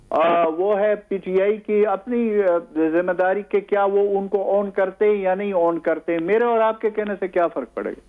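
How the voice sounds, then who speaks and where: Man on a tinny phone line. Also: sits high. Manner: measured, hesitant with many fillers. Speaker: political analyst guest. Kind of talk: studio talk show discussion.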